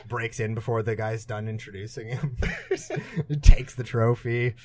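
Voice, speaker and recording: A man's voice: mid-range voice, steady tone, measured pace, a little mellow. A young man co-hosting a podcast in casual chat, joking around with frequent restarts. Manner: jokey, hesitant restarts. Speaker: podcast co-host.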